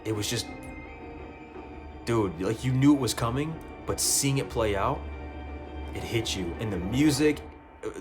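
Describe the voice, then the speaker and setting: A man talking casually about a video game ending, excitable, swearing freely and often stumbling over and repeating his words. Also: mid-range voice, measured pace, pauses often. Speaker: gaming youtuber. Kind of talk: casual game review monologue. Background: faint music.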